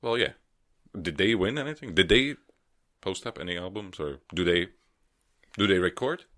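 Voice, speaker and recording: A man co-hosting a podcast in casual chat, talkative, laughing often and chiming in with quick agreement. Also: deep voice, expressive, bright, forceful tone. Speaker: podcast co-host.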